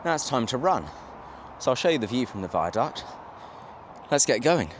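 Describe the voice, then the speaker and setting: A man's voice: medium pitch, sing-song, normal speed, noisy background. A British man chatting casually to his vlog audience while running, with exertion in his voice. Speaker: vlogger.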